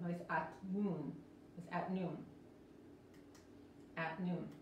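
In an indoor room, a woman teaches an English lesson over a live stream, explaining slowly and repeating every word several times while modeling pronunciation in American English. Her voice sits lowish, and the distant mic picks up a roomy echo along with a slight hiss or hum.

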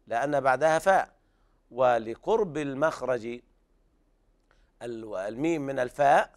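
Smooth-voiced man teaching Quran recitation. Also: mid-range voice. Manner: slow drawn-out recitation between brisk explanations; careful, didactic. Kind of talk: tajweed lesson, recited verses with explanations. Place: television studio.

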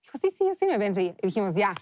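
A woman from Ecuador speaks with a Cuenca accent, in a chatty, lively way, with frequent laughs and quick repeated words. Her voice sits at a middle pitch and sounds dry and close to the mic, recorded in a studio. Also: no echo. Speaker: chef and guest. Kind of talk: casual interview chat.

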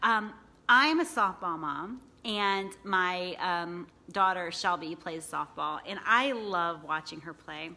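A small business coach in her thirties sits on her living room couch, talking casually to a phone camera held at arm's length. Her voice sits low and bright with a forceful tone, taken slowly, and she's chatty, full of fillers, "right?" tags and "you know."

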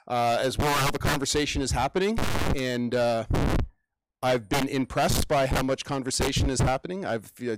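A man's voice: mid-range voice, clean tone, no echo. Canadian man moderating a conference panel. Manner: relaxed, chatty, with fillers and restarts. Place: conference room. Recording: noisy room recording.

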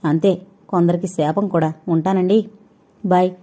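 A woman voicing a young woman who speaks quietly and warily on the phone, then turns sharp and accusing. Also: on the low side, fairly even intonation, moderate pace, close to an everyday voice. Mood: guarded. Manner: quiet, guarded, turning sharp.

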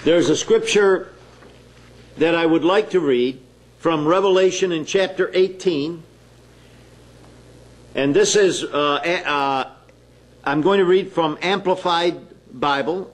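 A man preaching a sermon in a slow, deliberate, emphatic way, pausing between phrases. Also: fairly high pitch.

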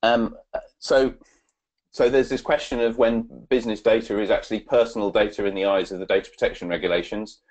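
A man giving a webinar presentation and answering questions, halting with many fillers and restarts. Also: on the low side, fairly even intonation, a little mellow, muffled recording.

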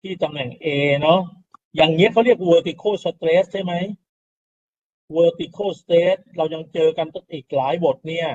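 A man's voice: on the high side, a little slow, darkish tone. Lo-fi recording of a lecturing man. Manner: explanatory, repeats key terms, rhetorical questions to students. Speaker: university lecturer. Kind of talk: classroom lecture on soil mechanics. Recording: dull lo-fi classroom recording.

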